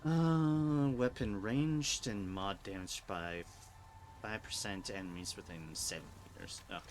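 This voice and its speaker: A man's voice: sits low, a little slow, a little hiss or hum. A man chatting dryly and rambling while playing a co-op game. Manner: dry, rambling, self-deprecating. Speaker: co-op game player. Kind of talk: casual gaming chat.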